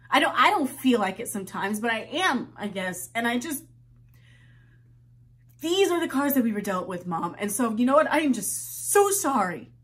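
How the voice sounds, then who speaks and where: A fairly high-voiced, exasperated daughter, acted by a young woman in a dramatic monologue. She pleads haltingly with the mother she looks after, wounded and emotionally volatile. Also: fairly bright tone. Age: young adult. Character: hurt, exasperated adult daughter caring for her mother. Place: indoors, small room with plain backdrop.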